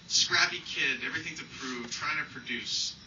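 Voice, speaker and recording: A man whose voice sits on the high side, pushed and bright, reads his personal essay live at a moderate pace, dryly poking fun at himself. Because he was recorded from afar indoors, the result is distant, roomy, muffled, and noisy.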